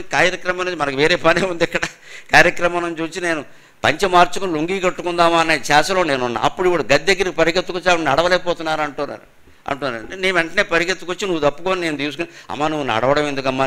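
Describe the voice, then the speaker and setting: Older male religious speaker, slightly high voice, emphatic, chants verses slowly, lectures in a function hall. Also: pushed and bright. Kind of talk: spiritual lecture to a live audience.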